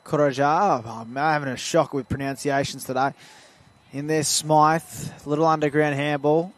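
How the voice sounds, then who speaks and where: Local footy caller, Australian man, slightly high-pitched, easygoing and chatty. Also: steady tone, normal speed. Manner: chatty, lifts when play heats up. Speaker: play-by-play commentator. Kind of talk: amateur football commentary. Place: at a suburban football ground.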